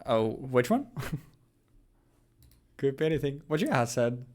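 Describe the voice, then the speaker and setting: A man in his late twenties hosting a casual card game video, joking and rambling as he talks, and going hoarse as he loses his voice. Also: medium pitch, big pitch swings, takes it slowly, a little mellow. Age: 20s. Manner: joking, rambling, laughs often. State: losing his voice. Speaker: host. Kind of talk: casual gaming commentary.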